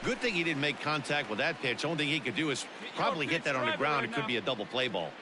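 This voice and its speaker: A man's voice: medium pitch, lively intonation, quick pace, crowd noise, natural voice. Casting: male actor as matter-of-fact color commentator, mid-range voice, conversational, over noisy ballpark ambience. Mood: analytical. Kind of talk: conversational baseball analysis. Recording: clear background noise of ballpark ambience.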